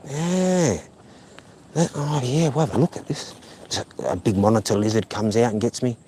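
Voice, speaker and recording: A middle-aged man chats on a casual live stream from his phone while walking by a lake. He rambles, corrects himself and pokes fun at himself, with a voice of ordinary pitch. Faint outdoor noise hums behind him. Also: moderate pace, dark tone. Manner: chatty, meandering, self-deprecating, many fillers.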